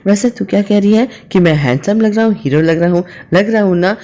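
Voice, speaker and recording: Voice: medium pitch, brisk, dark tone, pitched above the performer's own voice, close to an everyday voice. A narrator doing a vain, grumbling old grandfather. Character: proud, vain elderly father-in-law.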